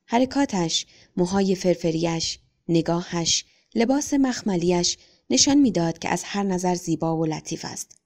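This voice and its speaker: A woman calmly narrating a short story as an audiobook. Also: fairly low pitch. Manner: calm, even reading.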